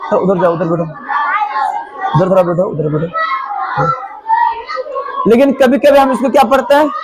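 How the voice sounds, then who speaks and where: A man teaching English pronunciation to a class of children. He calls out loudly, asks questions, then repeats the answers himself. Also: extremely high pitch. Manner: loud, calling out to the class. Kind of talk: classroom lesson. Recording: noisy room ambience.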